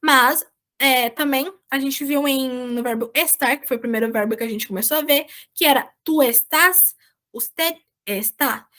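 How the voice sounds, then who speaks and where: A woman's voice: high voice, unhurried, fairly bright tone. A Brazilian woman, a volunteer teacher, giving an online Spanish lesson and checking in often with her students. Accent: Brazilian Portuguese. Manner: explains patiently, checks in with "certo?". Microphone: video call.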